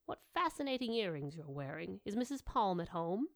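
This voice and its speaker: A stern old witch who speaks calmly and with dry wit, never raising her voice, as a woman reads her. The delivery is measured and even. It plays like a storybook reading. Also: medium pitch, vocal fry.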